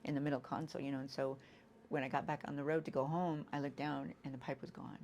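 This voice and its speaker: A woman giving a candid personal recovery testimony. She talks in a halting way, restarts often and leans on "you know". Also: a bass voice, level tone, slight background noise. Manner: acts out quoted lines with sudden loud bursts. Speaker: guest sharing an addiction recovery story.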